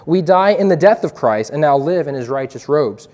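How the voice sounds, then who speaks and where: A man's voice: a little high, animated, moderate pace, darkish tone. A young man and evangelist giving an earnest, preacherly testimony to a youth group, quoting scripture as he speaks.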